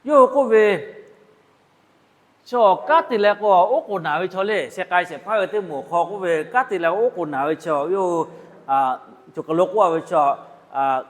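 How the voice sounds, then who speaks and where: A man preaching a sermon in an animated way, mixing in English phrases. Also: high-pitched, normal speed. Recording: long hall reverb.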